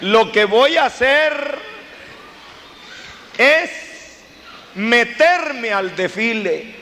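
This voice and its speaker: A man voicing a poor man who calmly explains his crafty plan. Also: very high voice, very slow, full character voice. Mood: sly. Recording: long hall reverb, faint noise.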